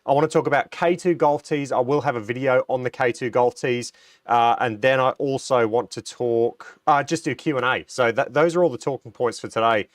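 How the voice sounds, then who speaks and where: A middle-aged Australian man hosts a casual livestream, chatting and reading out viewer comments with lots of ums and restarts. He's getting over a cold, so his mid-range voice sounds a bit nasal. His pace is brisk and the audio is studio quality with no room sound.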